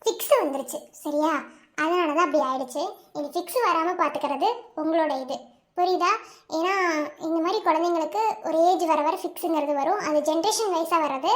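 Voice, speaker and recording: A calm, reassuring woman doctor in a cartoon , voiced by a performer. Her voice sits very high, and she soothes a worried family by repeating her reassurances. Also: a little fast.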